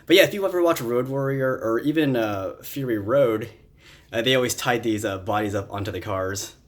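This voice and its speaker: A man's voice: mid-range voice, moderate pace. A man hosting a casual unboxing vlog, chatty and loose, with lots of fillers, moving around the camera mic as he works. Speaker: vlogger.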